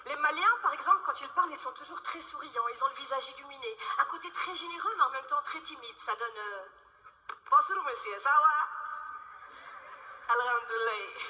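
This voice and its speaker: Bright, high-voiced woman doing stand-up. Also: fast, few pauses, echoey room. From France, Paris suburbs. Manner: lively, teasing, talking to the crowd. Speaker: stand-up comedian. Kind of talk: stand-up comedy. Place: live comedy stage.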